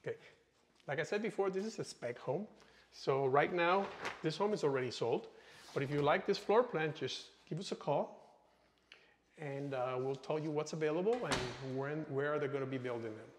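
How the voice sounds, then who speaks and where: A man's voice: on the high side, moderate pace, a little hiss or hum. A man working as a real estate agent, giving a casual walk-through home tour with informal sales patter, often tagging his phrases with "okay". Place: indoors, walking through an empty new house. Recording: echoey empty-house reverb.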